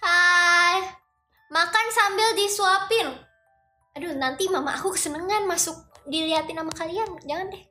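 Young woman streamer, very high and bright, unhurried, sing-song greetings, echoey room with faint music. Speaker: livestream host. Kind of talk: casual livestream chat.

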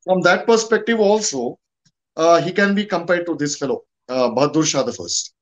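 A man with an Indian accent talking conversationally about history and politics as a guest, pausing and repeating himself for emphasis. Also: a little high, animated, dull audio. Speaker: guest commentator.

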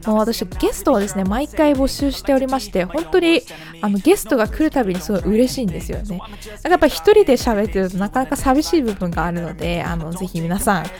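A woman's voice: medium pitch, animated, fast talker, a little mellow, soft background music. A woman from the Kanto region, chatting politely as the host of her own solo podcast, with many fillers.

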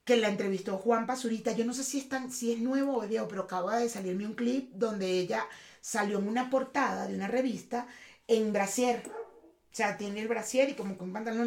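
Woman, Venezuelan accent, casual podcast chat, animated, slightly high voice, echoey room. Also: a little fast. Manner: animated, slangy, acts out quoted voices. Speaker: podcast co-host.

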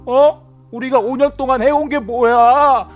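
An actor playing a young male Mars colonist who is sick of the routine, ranting and cursing until his voice breaks into shouts. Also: very high voice, steady tone, unhurried, highs cut off, faint music behind. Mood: bitter complaint. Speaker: crew member number three. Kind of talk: web drama acting.

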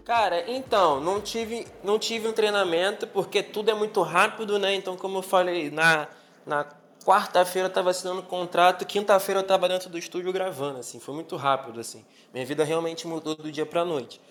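Um homem com sotaque brasileiro, convidado falando de forma animada e cheia de gíria numa conversa online. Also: male voice, sits high, brisk, soft background music. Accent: Brazilian. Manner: slangy, animated, emphatic. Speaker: TV show guest. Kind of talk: casual chat in an online audio room.

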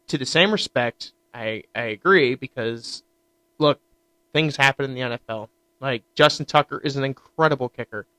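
A man co-hosting a casual sports podcast, animated and steering the conversation, laughing often. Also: medium pitch, smooth, no echo. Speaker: podcast co-host.

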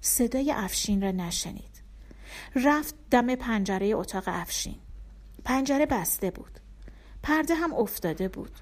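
A woman narrating a story aloud in an audiobook, in a calm and even way. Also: on the high side.

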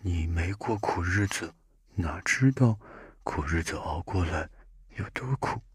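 A man voicing a petulant lovestruck gray bunny in a soft storybook reading, grumbling in a breathy voice. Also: low-pitched, animated, measured pace, no echo, clean studio sound, heavily acted. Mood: sulky.

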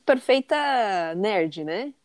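A woman's voice: mid-range voice, expressive, slow, darkish tone, dry recording, studio quality. A woman co-hosting a podcast, listening with frequent "uhum" and adding side notes in casual chat. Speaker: podcast co-host.

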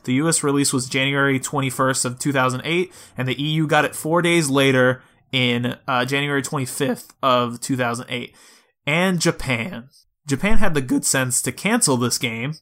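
A man co-hosts a video game podcast, talking in an informal, conversational style. His voice is bright and forceful, with a middling pitch and a moderate pace.

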